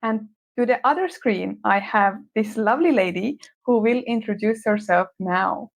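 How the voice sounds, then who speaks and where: A woman's voice: mid-range voice, moderate pace, vocal fry. Woman co-hosting a podcast. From Estonia. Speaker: podcast co-host. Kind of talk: casual podcast conversation.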